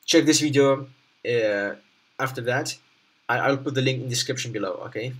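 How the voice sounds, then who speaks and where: A man presenting an unscripted screen tutorial step by step, haltingly, often repeating and rephrasing his instructions. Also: medium pitch, a bit bright, slight background noise.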